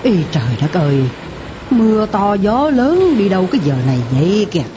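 A woman's voice: mid-range voice, very animated, brisk, noisy background, natural voice. An actress playing a worried, ailing middle-aged mother in a radio drama, full of anxious exclamations. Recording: dull lo-fi radio drama recording.

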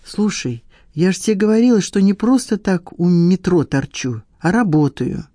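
A narrator voicing a sensible, wary middle-aged married woman who answers in brisk, dry replies. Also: medium pitch, lively intonation, mellow, no echo, pitched above the performer's own voice, close to an everyday voice.

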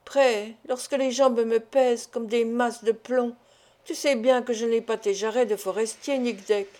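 A woman's voice: a little high, fairly even intonation, a little slow, darkish tone, natural voice. A woman reading aloud voices a timid, complaining older village doctor who pleads and frets, in an audiobook. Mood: pleading. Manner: pleading and fretful.

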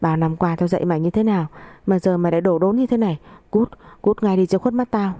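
A furious elderly father barking harsh scolding at his wayward son, as a woman narrator puts him on. The voice sits low and dark, and it comes quickly in angry bursts. It is a dry, close reading of a family story. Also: no echo, natural voice.

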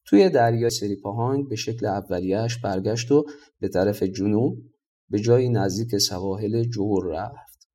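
Male narrator for a folk tale audiobook, calm and measured, warm low-key tone. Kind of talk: storybook narration.

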